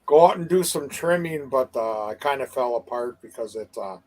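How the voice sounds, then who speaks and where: A man's voice: medium pitch, expressive, normal speed, low-quality recording. A middle-aged man co-hosting a live online show, chatting in an easygoing, rambling way with many uhs. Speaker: co-host of a live advocacy show. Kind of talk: casual chat.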